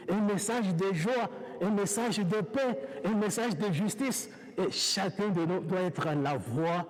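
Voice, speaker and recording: A priest with an African French accent preaches a sermon, his fairly high voice moving at a slow, unhurried pace. He builds his phrases step by step, pausing and restarting as he goes. His words ring out in a church with a long, lingering echo. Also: darkish tone. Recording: reverberant church hall.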